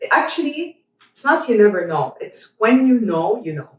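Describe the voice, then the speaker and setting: A woman's voice: mid-range voice, sing-song, far from the mic. Supportive woman chiming in, echoey room. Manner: supportive, chimes in with quick replies. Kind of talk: casual chat.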